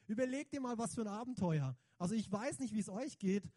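A man giving a lively, conversational sermon, emphatic and slangy, often turning to the audience with questions. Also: high-pitched, fairly quick, no echo. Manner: emphatic, slangy, keeps asking the audience "right?". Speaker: preacher.

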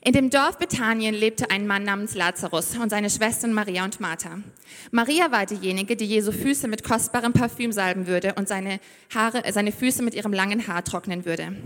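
A young Siberian woman preaches from a church stage to a congregation, reading aloud from the Bible with effusive, heartfelt enthusiasm. Her medium-pitched, fairly bright voice moves at a moderate pace, and the hall is reverberant.

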